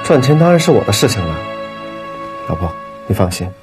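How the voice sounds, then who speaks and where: An actor playing a proud, jobless young husband in a TV drama, earnest and reassuring but stubborn. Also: male voice, lowish voice, very animated, a little fast. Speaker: unemployed husband. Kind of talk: TV drama acting. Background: loud background music.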